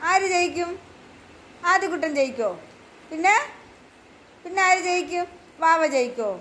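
A woman working as a preschool teacher who talks with small children in a sing-song way, asking them questions and gently scolding them. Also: very high-pitched, animated, unhurried, slight background noise. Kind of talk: coaxing talk with small children. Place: preschool classroom.

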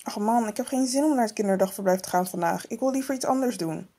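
A woman's voice: on the high side, quick pace, dark tone, breathy edge. Woman doing a whiny little girl. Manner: whiny, grumbling. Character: reluctant little girl who skips daycare. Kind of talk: toy-figure storytelling.

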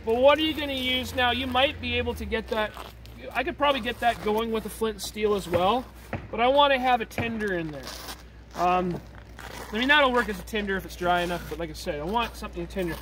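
A man teaching a hands-on outdoor lesson in a chatty, informal way, checking in with "okay?" as he goes. His voice sits fairly high. He is picked up from some distance by the camera, with traffic clearly audible in the background. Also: a little fast, a bit bright. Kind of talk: hands-on outdoor survival demonstration.

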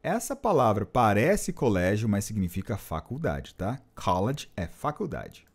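Lively man teaching English. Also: on the low side, a little slow, slight background noise. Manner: patient, repeats and translates phrases. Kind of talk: explanatory language lesson.

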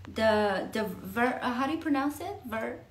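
A woman from mainland China, a native Mandarin speaker with a Chinese accent, co-hosting a casual film chat with playful, halting talk and many restarts. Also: on the high side, lively intonation. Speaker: film club co-host. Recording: roomy echo.

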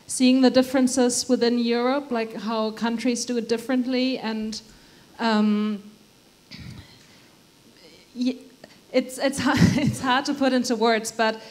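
A woman's voice: a little high, level tone, slow pace, a little mellow. A woman from Germany, a researcher adding to a conference panel answer, hesitant with many fillers.

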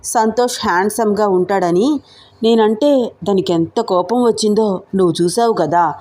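A woman's voice: medium pitch, normal speed, mellow, natural voice. A woman voicing a chatty young woman student gossiping about friends. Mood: gossipy.

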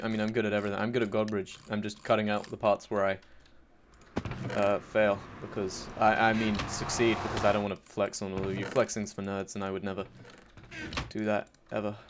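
Gaming YouTuber, male, lower register, dry self-mocking brag over gameplay, light clicking under the voice. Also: level tone, brisk, noisy background. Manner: mock-boastful, joking, self-mocking. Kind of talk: sarcastic gameplay commentary. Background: faint keyboard and mouse clicks.

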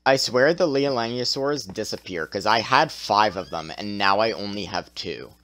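Here a young man offers casual commentary while streaming a game, sounding tired and strained yet chatty and self-deprecating. He speaks at a moderate pace with fairly low pitch, lively intonation and a slightly bright tone.

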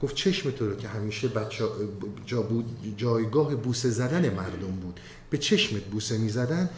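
A man giving a spoken commentary on classical poetry, reciting verses in a slow chanted way between casual explanations. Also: on the low side, expressive. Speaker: Masnavi commentator. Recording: echoey room with faint ambient noise.

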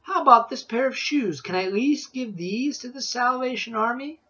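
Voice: mid-range voice, normal speed, pushed and bright, slightly rough, dull audio, pitched above the performer's own voice. A parent reader voicing the narrator's wife, a woman asking questions from inside a closet, in a storybook reading.

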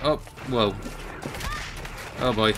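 A man's voice: mid-range voice, very slow, noisy background. A man casually commentating on a fighting game he is playing, self-deprecating and exclaiming in surprise at each moment. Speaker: gaming channel host. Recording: game music playing behind.

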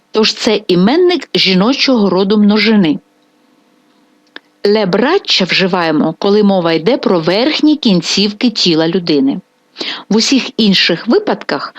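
A woman teaching Italian vocabulary and grammar in a scripted lesson, saying each example phrase slowly and carefully. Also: mid-range voice, no echo, dull audio. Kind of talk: scripted language lesson narration.

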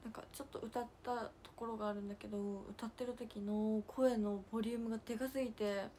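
A young woman with a hosting a casual livestream. She chats and giggles, reads out fan comments, and drops to soft near-whispers to thank viewers. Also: on the high side, steady tone, fast, a little hiss or hum. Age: young adult. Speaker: idol livestream host.

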